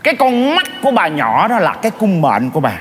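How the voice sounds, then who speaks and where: An actor playing a stammering, flattering fortune teller in a stage comedy sketch. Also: male voice, high-pitched, fast, heavily acted. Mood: playful. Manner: stammering, fawning, playful. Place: large theater stage. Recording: reverberant stage with faint ambience.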